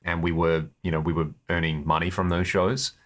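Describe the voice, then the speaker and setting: He's a man with a deep voice and little pitch movement, speaking fairly quickly in an Australian accent. As a guest on an interview, this Perth-born touring band guitarist recounts his own experiences in a casual, conversational manner.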